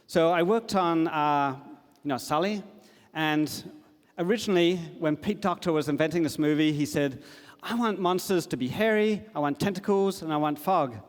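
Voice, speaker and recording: A middle-aged man giving a casual, enthusiastic conference talk, with plenty of fillers. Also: fairly high pitch. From Australia. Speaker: conference speaker. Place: large conference hall. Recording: long hall reverb.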